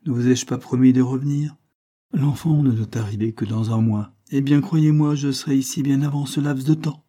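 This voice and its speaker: Audiobook figure: a cold, firm aristocratic seducer, read by a man, dark husky tone. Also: mid-range voice, normal speed, pitched above the performer's own voice, lightly acted.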